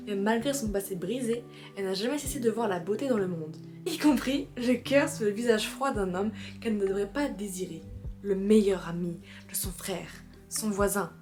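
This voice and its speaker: A woman presenting books in a casual vlog, chatty and excitable, laughing often and reading back-cover blurbs aloud. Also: on the high side. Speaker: booktuber. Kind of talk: casual book haul chat.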